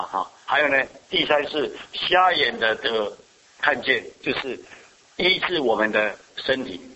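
Male pastor, bright voice, question-and-answer sermon, muffled lo-fi recording. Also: mid-range voice. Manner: asks the congregation questions and answers them.

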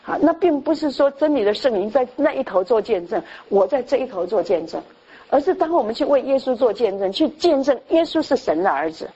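A woman's voice: fairly high pitch, animated, fairly quick, warm tone, breathy edge, lo-fi sound. An older woman preaching a sermon, telling stories and acting out the lines of the people in them. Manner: storytelling, acts out quoted dialogue.

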